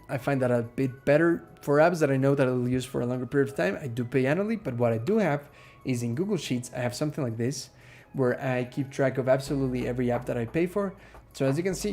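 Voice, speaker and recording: A man's voice: mid-range voice, darkish tone. A man from Ecuador hosting a casual live stream Q&A, chatting with viewers, reading their questions aloud and using lots of fillers.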